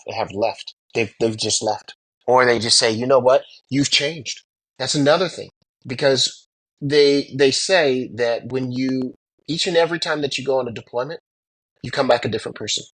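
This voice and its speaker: Here a medium-pitched middle-aged American man, a military veteran and pilot, tells stories from his own experience. His delivery is emphatic, full of repetition and rhetorical questions, and the recording is rough with no echo.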